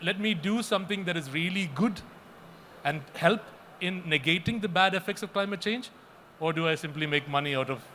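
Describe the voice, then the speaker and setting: Earnest man, halting panel remarks. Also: fairly high pitch, bright, forceful tone, a little hiss or hum. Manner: earnest, repeats himself often, halting restarts.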